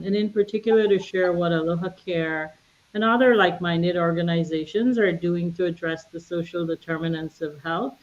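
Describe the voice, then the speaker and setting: A woman from Guyana, a health plan executive, giving a measured, formal prepared presentation. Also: lowish voice, lo-fi sound.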